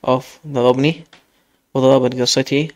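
A man's voice: medium pitch, little pitch movement, normal speed, a little mellow, lightly acted. A man with an Iraqi accent reading the lines of a shy, stubborn young bride.

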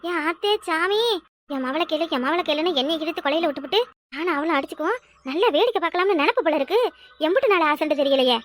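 In this cartoon voice acting, a woman plays a fretful village wife who grumbles and laments, exclaiming to herself. Her voice is extremely high and fast, carrying a southern Tamil accent from Kanyakumari. The mood is one of complaint and lament.

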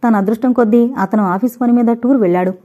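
Woman narrator, scripted audio novel reading, warm dark tone, muffled recording. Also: a little high. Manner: measured storytelling reading. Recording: dull lo-fi recording.

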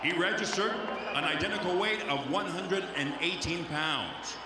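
A man announces a fight in a high, booming voice with the showy flourish of a lucha libre announcer. He stretches his words very deliberately over an echoing, noisy arena sound system. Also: sing-song. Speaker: boxing ring announcer. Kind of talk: formal ring announcement in English and Spanish. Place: boxing ring in a large indoor arena. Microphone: handheld microphone.

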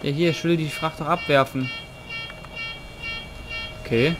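A man hosts a casual gameplay commentary. He talks in slang and reacts aloud, often repeating short phrases. Game music is clearly audible behind him. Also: a little high, fairly even intonation, a little slow. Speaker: gamer, Let's Play host. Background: game music and sound effects.

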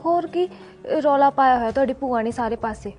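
A woman's voice: high-pitched, fairly quick, darkish tone, dull audio. A woman playing a caring young girlfriend. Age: young adult. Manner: caring, reassuring.

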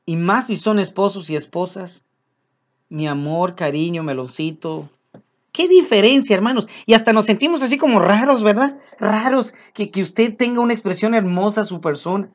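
A man's voice: sits high, a little fast, hardly any pauses. A man preaching a sermon, earnest and repeating his key phrases as he speaks to his congregation as brothers.

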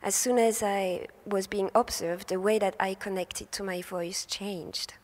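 Unhurried and steady in tone, a young French researcher with a French accent and a soft, airy, medium-pitched voice gives a prepared talk from a lectern. She holds a handheld mic on a festival stage in a large hall where the reverb is long, and she hesitates, fills pauses, and occasionally corrects herself.

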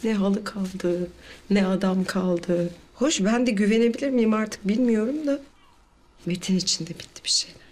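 An actress playing a middle-aged mother full of guilt in a TV drama, speaking softly and emotionally, sometimes nearly in a whisper. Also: medium pitch, moderate pace, natural voice. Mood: remorseful. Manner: soft, emotional confession, at times whispered. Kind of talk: TV drama acting.

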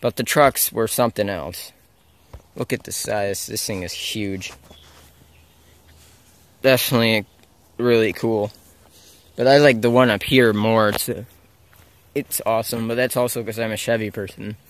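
With a fairly low voice, a measured pace, and long pauses, a young man wanders through a forest filming on a handheld camera. He explores abandoned sites and narrates casually, rambling and second-guessing himself as he corrects what he says. His intonation stays fairly even, and the audio is picked up by the camera mic.

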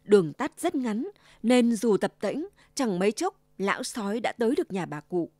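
A woman narrating a fairy tale as a scripted storybook reading, expressive and acting out each character. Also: medium pitch, normal speed, no echo. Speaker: storyteller for a provincial broadcaster.

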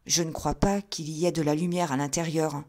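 A woman voicing a nervous, fussy gentleman who speaks insistently in a raised, higher voice. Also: fairly even intonation, a little fast, close to an everyday voice. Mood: uneasy. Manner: fretful, insistent.

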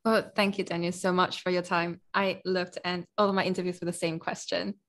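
A young woman hosting a podcast interview over a video call, asking gentle, brief questions. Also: on the low side, level tone, a little fast. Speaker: podcast host. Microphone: video call with earphones.

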